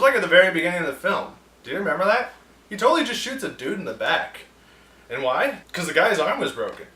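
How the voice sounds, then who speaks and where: A man's voice: fairly high pitch, pushed and bright. A man hosting a film review show, ranting with sarcasm and animation in a casual, opinionated way. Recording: roomy echo, distant mic, faint ambience.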